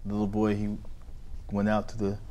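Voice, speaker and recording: Man, american accent, lowish voice, teacher, storytelling lesson for kids, keeps asking questions. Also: completely flat delivery, fairly quick, mellow, slight background noise. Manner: questioning, call-and-response with children.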